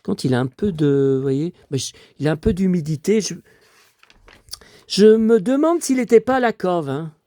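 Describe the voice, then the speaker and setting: A man in his fifties with a slightly high voice, hoarse from a lingering cold. He chats in a rambling, nostalgic way, full of little asides, as he shows off his collection at home. The sound is dry and close, with no room echo. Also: animated, normal speed, mellow. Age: 50s. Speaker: collector showing his memorabilia. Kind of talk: casual collection show-and-tell.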